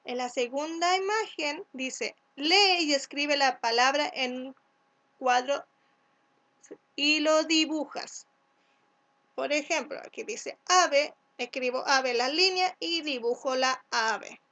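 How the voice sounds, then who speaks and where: A woman from Chile teaching a first-grade class, speaking slowly and clearly, sounding out letters and syllables and often checking with "¿cierto?". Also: high-pitched, bright, forceful tone. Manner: asks "¿cierto?" to check along. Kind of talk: recorded remote class instructions.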